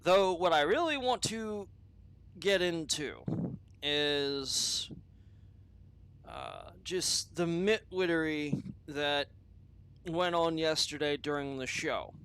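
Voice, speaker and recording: A man with a slightly high, fairly bright and clean voice speaks slowly in a sing-song way, captured on a rough recording. This podcast host's unscripted opinion monologue is rambling and profane, full of restarts, tangents and self-interruptions.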